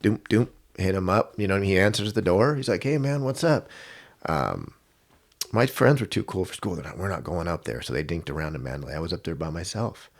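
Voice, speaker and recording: A man with a very low, deep voice tells a story as a guest on a podcast. He is a middle-aged coach from Washington state. He slips into other people's lines with sudden jumps in pitch. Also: brisk, creaky. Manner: animated storyteller, acts out quotes with big pitch jumps. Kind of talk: casual storytelling interview.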